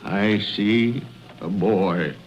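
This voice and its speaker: An actor playing Ebenezer Scrooge as a trembling, regretful old miser, halting and quavering, in 1930s radio drama style. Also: male voice, lowish voice. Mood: wistful, remorseful. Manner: halting, repetitive, emotional delivery. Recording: dull vintage 1930s radio recording. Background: music.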